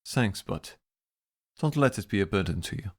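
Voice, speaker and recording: This man voices a grave character in a foggy Victorian London radio drama, with music underneath. Deep and polite, he stays composed and measured, guarded and fatalistic, yet his intonation is lively.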